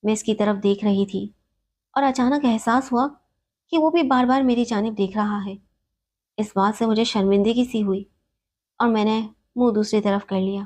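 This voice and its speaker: A woman telling an emotional story in the first person, reading in a steady, sorrowful way. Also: mid-range voice.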